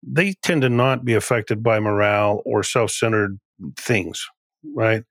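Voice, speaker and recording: A man's voice: fairly low pitch, measured pace, fairly bright tone, no echo. A man, a company CEO, guesting on a podcast and explaining leadership in an emphatic way, often repeating and restarting phrases. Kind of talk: conversational podcast interview.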